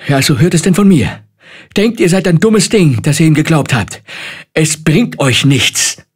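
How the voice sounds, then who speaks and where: A man's voice: a little high, animated, unhurried, slightly rough, voice pushed up. A man putting on a fussy, scolding old royal adviser. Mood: stern. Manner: agitated and scolding.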